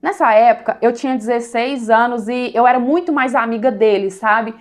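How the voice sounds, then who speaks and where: A woman with a slightly high voice narrates a personal story in a confiding, chatty tone. She keeps a conversational flow, often pausing to check in with her listener. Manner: confiding, conversational, tags with "sabe?".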